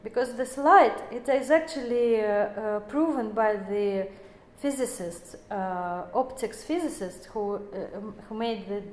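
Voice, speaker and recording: A woman's voice: medium pitch, a little slow, few pauses, a little hiss or hum. A woman in her forties giving an explanatory lecture, speaking English as a with many fillers and self-corrections. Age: 40s. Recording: echoey room.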